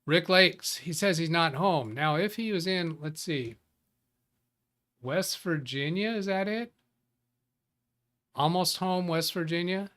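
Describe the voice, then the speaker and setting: A man hosts a casual, chatty live tech show, greeting viewers by name and frequently restarting his sentences. His voice is a little high and sharp, with lively intonation and an unhurried pace.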